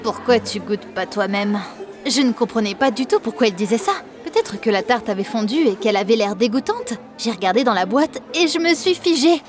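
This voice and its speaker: A woman narrating an animated first-person story in a lively, expressive, dramatic manner. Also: fairly high pitch, fairly quick, few pauses, music in the background.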